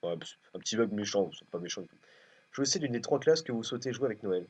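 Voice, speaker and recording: Hesitant French let's play commentator. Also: male voice, lowish voice, animated, quick pace, breathy edge. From France. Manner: thinking aloud, hesitant, many fillers. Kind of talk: casual gameplay commentary. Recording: dull lo-fi recording.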